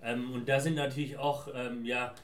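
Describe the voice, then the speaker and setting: A man's voice: medium pitch, level tone, normal speed. Man, from Afghanistan, interview guest, reflective, winding sentences, medium voice, echoey room. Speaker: guest, founder. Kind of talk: casual interview answers. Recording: roomy echo.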